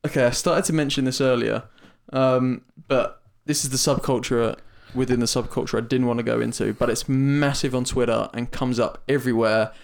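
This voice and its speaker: A man's voice: medium pitch, fairly even intonation, moderate pace, vocal fry, hardly any pauses. Laid-back man with an Essex accent. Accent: Essex English. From England. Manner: explanatory, patient, laid-back. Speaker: podcast co-host. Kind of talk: casual podcast chat.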